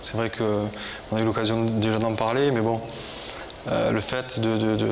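A man in his thirties with a Parisian French accent, talking haltingly and sincerely as a television guest. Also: on the low side, completely flat delivery, creaky, background noise. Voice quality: hesitant speech. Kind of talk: heartfelt unscripted talk. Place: television studio with audience.

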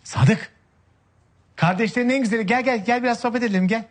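A man's voice: mid-range voice, lively intonation, fairly quick, husky. An actor playing a scheming, lazy man who wheedles his wife and brother with melodramatic complaints. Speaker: actor in a TV comedy series.

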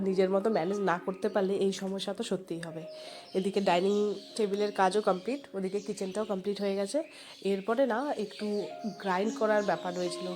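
This home vlogger sounds stuffed up with a cold as she chats to her viewers in a homely, rambling voice-over. She speaks at a medium pitch with a slightly mellow tone.

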